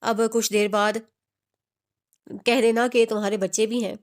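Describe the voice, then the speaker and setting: A woman reading the lines of a teasing, quick-tempered young male friend in a romance audiobook. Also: medium pitch, little pitch movement, lightly acted. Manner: teasing, then sharp.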